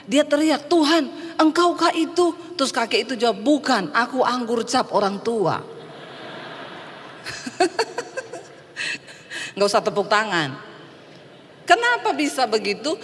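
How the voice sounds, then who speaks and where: A middle-aged woman pastor preaching a lively Easter sermon, telling stories and acting out the people in them. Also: high-pitched, slight background noise. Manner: lively storytelling, acts out quoted voices. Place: large church hall. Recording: reverberant church hall.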